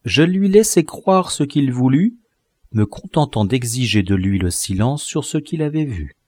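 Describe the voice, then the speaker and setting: Slow, expressive male audiobook narrator. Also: mid-range voice, husky, no echo, clean studio sound. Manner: expressive literary reading. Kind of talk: scripted narration.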